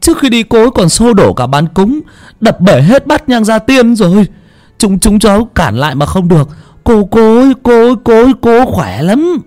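A frantic young man shrieks high and breathless, stumbling over his words. The storybook figure sounds terrified and desperate. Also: very animated, moderate pace. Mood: panicked. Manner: frantic, stammering yells.

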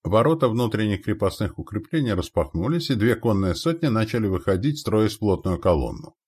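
Deep-voiced man reading dramatically. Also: sing-song, a little fast, a little mellow, slightly rough. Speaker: narrator. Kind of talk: audiobook narration of a war novel.

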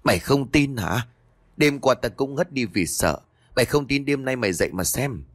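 A man's voice: mid-range voice, expressive, normal speed, no echo, close to an everyday voice. A man voicing a frightened old woman who works as a cook, stammering and pleading in a ghost story. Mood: anxious.

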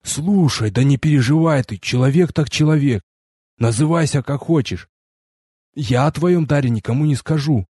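A male narrator plays a nervous young conscript who keeps pressing his point in quick bursts. The voice sits a little higher than the reader's own, with a dark, husky tone. It is recorded dry and close, with no room around it. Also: no room sound. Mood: pleading. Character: jittery young male army conscript, pleading. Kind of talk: audiobook character voice.

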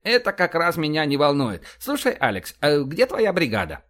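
A male narrator voicing a hot-tempered, swearing male police vice-admiral who yelps and shouts. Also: huge pitch swings, moderate pace. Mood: agitated. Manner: shrill, yelping, loud.

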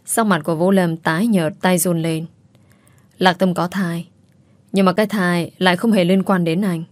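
A woman reads a story aloud at a steady, measured pace. Her voice sits low, and the recording is dry and close with no room sound. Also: no echo. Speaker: story narrator. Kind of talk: audiobook story narration.

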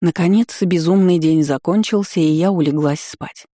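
An audiobook narrator telling a first-person fantasy story in a lively, expressive way. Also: medium pitch, normal speed, no room sound, clean studio sound.

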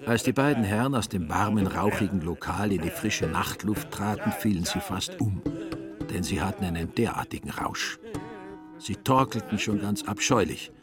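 A man with a very deep voice narrates a radio play, calm and even-paced. Soft music runs faintly in the background. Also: moderate pace.

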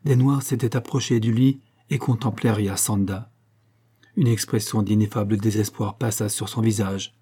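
A man reading a classic adventure novel aloud, with measured, dramatic storytelling. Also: fairly low pitch, fairly even intonation, mellow, slightly rough. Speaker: audiobook reader. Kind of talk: literary audiobook narration.

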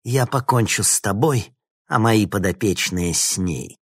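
A man's voice: on the low side, a little slow, husky, dry recording, studio quality. A male narrator voicing a bitter, vengeful young woman villain with a sneering, spiteful manner. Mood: furious.

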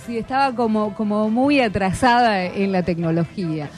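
With soft music playing underneath, a radio host in a mid-range, slightly mellow voice talks casually with schoolchildren at a moderate pace. She frequently checks in with them using quick questions.

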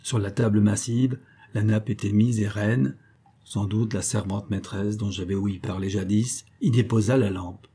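Male narrator, dark mellow voice, measured audiobook reading. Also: on the low side, steady tone, slightly rough.

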